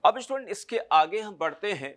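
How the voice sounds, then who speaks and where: Man, high voice, chemistry lecture, step-by-step, deliberate on key terms. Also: animated, fairly bright tone. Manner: explains step by step, often checks understanding with a tag question. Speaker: chemistry teacher. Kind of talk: classroom lecture.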